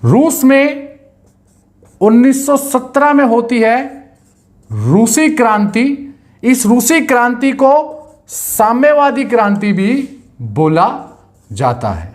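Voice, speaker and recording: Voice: medium pitch, sing-song, takes it slowly, pauses often. A teacher gives an exam-prep lecture, asking the class questions and answering them straight away. Key facts come back again and again so students will memorize them.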